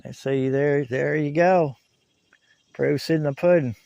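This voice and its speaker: Slow and steady, a slightly high, creaky and warm voice comes from a video host testing walkie-talkies on a hillside. He speaks casually and folksily to the camera and through a two-way radio, in a dry recording.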